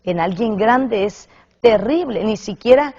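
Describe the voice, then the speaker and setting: Husky creaky-voiced woman preaching. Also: mid-range voice, unhurried. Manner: emphatic, repeats words for stress. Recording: slightly muffled lo-fi recording.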